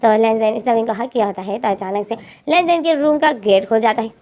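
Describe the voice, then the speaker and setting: A woman narrates a story in a chatty, casual way, stopping and restarting as she goes. Her voice is high-pitched yet mellow and soft-toned. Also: a little fast. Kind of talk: fan-fiction story retelling.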